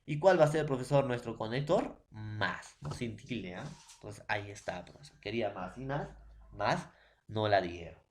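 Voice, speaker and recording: A man's voice: on the low side, lively intonation. Peruvian man teaching class, repeating tics. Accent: Peruvian Spanish. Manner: repeats "profesor" and "¿ya, jóvenes?" as verbal tics; emphatic rises on key terms, drawn-out slow words. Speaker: secondary school teacher. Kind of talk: online class lecture.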